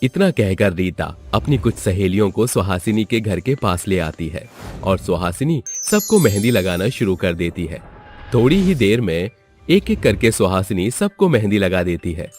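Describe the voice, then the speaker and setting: A man narrating a storybook tale in an expressive, scripted way. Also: on the low side, normal speed, faint music behind.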